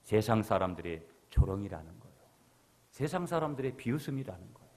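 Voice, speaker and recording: A male pastor preaching a sermon, swinging from loud urgent outbursts to hushed asides and repeating key phrases with rhetorical questions. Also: fairly low pitch, very animated, quick pace. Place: church sanctuary. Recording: long church hall reverb.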